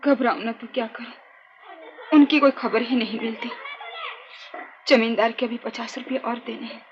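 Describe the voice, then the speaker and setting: A woman playing an anxious, weary poor village wife who speaks softly and fearfully, in 1950s film acting. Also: fairly high pitch, fairly even intonation, normal speed, natural voice. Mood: despairing. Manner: soft, fearful, despairing. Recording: dull old film soundtrack with clear hiss.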